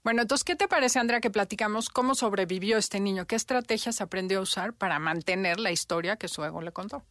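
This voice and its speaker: A woman's voice: medium pitch, fast, hardly any pauses, a bit bright, no room sound, clean studio sound. A woman co-hosting a podcast in casual chat, steering the talk with questions. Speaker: podcast co-host.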